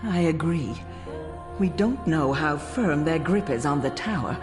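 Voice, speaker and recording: Older game matriarch, solemn, gentle, slow delivery, cavernous reverb. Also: female voice, deep voice, lively intonation. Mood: moved, concerned. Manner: solemn, unhurried, caring. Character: dignified, gentle older female religious leader. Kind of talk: dramatic video game acting. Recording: long hall reverb with music.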